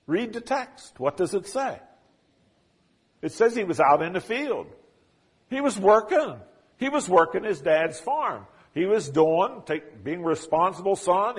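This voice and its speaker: A man preaching a sermon, retelling a story with dramatic emphasis and swings between loud and quiet delivery. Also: fairly high pitch, slightly rough. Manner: dramatic retelling, acting out quoted lines.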